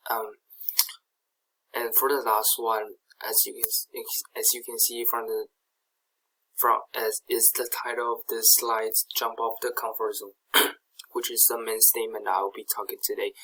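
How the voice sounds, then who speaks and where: Hesitant and full of fillers and restarts, a young Taiwanese student presents his slides in a native Chinese speaker's Taiwanese accent. His voice is on the low side, flat, unhurried, and pushed and bright, in poor audio.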